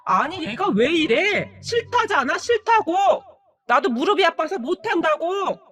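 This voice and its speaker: A woman's voice: high-pitched, expressive, normal speed, fairly bright tone. Woman reading a blunt, stern older mother-in-law. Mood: scolding. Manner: curt, scolding.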